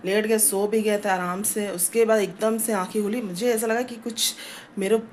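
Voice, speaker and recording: A woman's voice: mid-range voice, steady tone, normal speed, a little mellow, slight background noise. A middle-aged woman chatting casually in a home vlog, rambling with many fillers, recorded indoors on a phone. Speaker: family vlogger.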